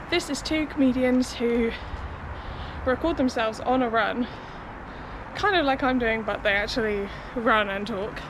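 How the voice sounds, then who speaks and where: A young woman chatting casually to her vlog audience in a hedging, conversational way, recorded outdoors. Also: fairly high pitch. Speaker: running vlogger. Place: outdoors beside a busy city road. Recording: outdoor street noise, passing traffic.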